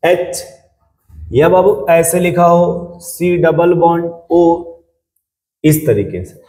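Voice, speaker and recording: A man's voice: high voice, warm tone, roomy sound, rough recording. A male chemistry teacher giving a classroom lecture, chatty, quizzing the class and telling jokey stories. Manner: chatty, asks the class questions, tells jokey anecdotes.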